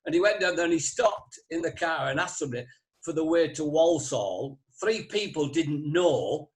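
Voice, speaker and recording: A man's voice: a little high, animated, normal speed. A man hosting a casual quiz over a video call, teasing the players as he goes. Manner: jokey, teasing quiz master. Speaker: quiz host.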